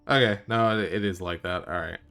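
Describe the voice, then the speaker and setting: A man's voice: fairly low pitch, fairly quick, bright, forceful tone. A man streaming a video game live, commenting in a wry, offhand way and swearing freely. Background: game music.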